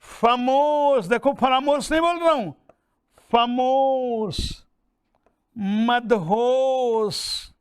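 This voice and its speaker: A man teaching chemistry in a lesson, slowly chanting mnemonics and repeating them for students, calling them beta. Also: very high voice, clean tone, dry recording, clean studio sound. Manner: addresses listeners as beta and bhaiya.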